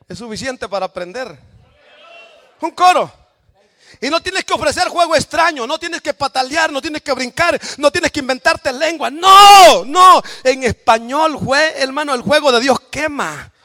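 High-voiced Salvadoran preacher shouting. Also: male voice, moderate pace. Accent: Salvadoran Spanish. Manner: shouted, emphatic preaching with call-and-response praise cries. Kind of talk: sermon.

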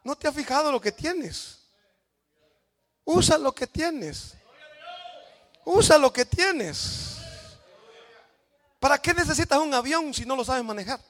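A man from El Salvador with a Salvadoran Spanish accent, preaching a sermon in a church with shouted, emphatic praise cries. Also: very high-pitched, expressive, slow, pauses often.

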